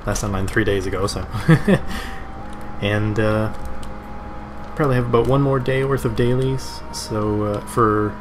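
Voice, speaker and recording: A man livestreaming a game in casual, rambling and halting chat. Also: lowish voice. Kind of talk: casual stream chat over gameplay. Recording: game music, fan noise behind. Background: game music and a fan.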